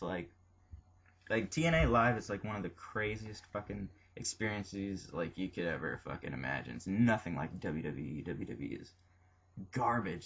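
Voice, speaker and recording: A man with a lowish voice rambles through an excitable, swear-laden rant, piling up fillers. The audio is dull and lo-fi, like an old webcam mic. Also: husky. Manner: profane, filler-heavy, excitable. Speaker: wrestling fan vlogger.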